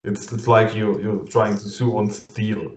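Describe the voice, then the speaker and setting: A German-accented man interviews a guest in English over a video call, halting, full of fillers and restarts, and laughing often. His voice is lowish and steady, captured in muffled lo-fi sound in an echoey room.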